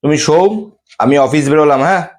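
A man's voice: a little high, a little fast. A man acting as a stressed office-going husband in a family short drama, curt and sulky.

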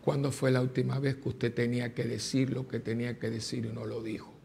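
A man's voice: medium pitch, a little fast, creaky, a little hiss or hum. An older man, a parish priest, preaching a sermon, telling stories and then exhorting the congregation. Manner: animated, rising to forceful exhortation. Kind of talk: sermon with storytelling. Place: church.

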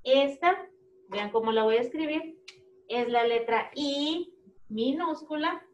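Teacher, woman, high bright pitch, patient repeating delivery for small kids, dull lo-fi sound. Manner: slow, clear, repeating words for young children. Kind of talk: children's phonics lesson video.

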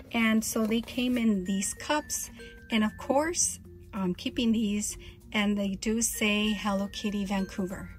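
A woman with a medium-pitched voice chats casually in a vlog, gushing as she shows off her purchases and often restarting her sentences.

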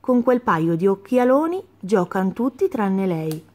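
A woman's voice: medium pitch, big pitch swings, a little slow, a little mellow. A woman voicing a sulky little girl duckling in a storybook, with short sulky answers and sing-song rhymes.

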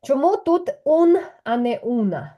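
A woman's voice: high-pitched, big pitch swings, a little slow, muffled recording. A woman teaching Spanish in a patient one-on-one lesson, explaining step by step and checking with questions.

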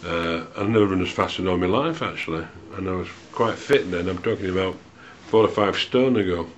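A man in his sixties telling a personal memory, unhurried and hesitant, with a dry, wry humour. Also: sits low. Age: 60s. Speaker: storyteller recalling a student memory. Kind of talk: unscripted spoken memoir. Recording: dull lo-fi home recording.

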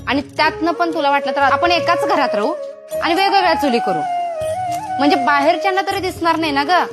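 A woman playing a calm elder sister-in-law who patiently persuades a younger woman to keep the family together. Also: high voice, brisk, close to an everyday voice. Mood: reasoning. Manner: patient, persuasive, gently lecturing. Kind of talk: domestic skit monologue. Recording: music playing under voice. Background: background music.

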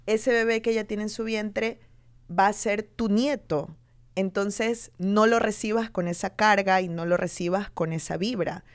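A woman's voice: medium pitch, unhurried. A woman from Ecuador in her thirties, a television presenter being interviewed, telling her story candidly and acting out what people said. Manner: animated storytelling, acting out quoted voices.

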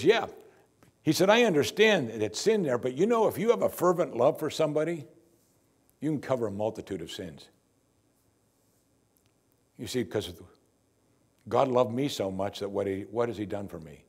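An older man, a pastor, preaching a sermon from the pulpit of a church in a lively, conversational and wry way, on a lapel mic. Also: medium pitch, moderate pace, long pauses, husky.

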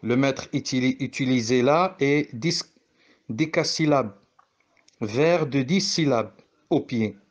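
Slow, methodical male French teacher. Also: medium pitch. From Morocco. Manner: slow, explains step by step, corrects himself. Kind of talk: classroom lesson on poetry.

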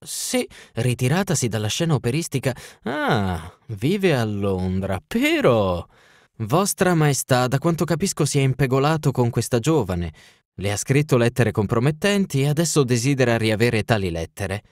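An Italian man reading an audiobook, voicing a languid, sharp-witted detective with a dry, clipped manner. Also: mid-range voice, very animated, moderate pace, no echo, natural voice. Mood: probing.

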